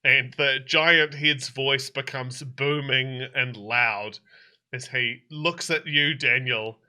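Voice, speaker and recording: A man's voice: medium pitch, fairly even intonation, takes it slowly, pushed and bright. A man running a tabletop game as game master, narrating scenes in a rambling way with many fillers.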